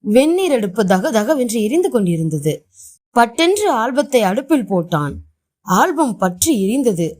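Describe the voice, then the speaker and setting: A woman's voice: on the high side, very animated, normal speed, darkish tone. A woman reading translated short stories aloud as a storyteller, voicing the dialogue expressively.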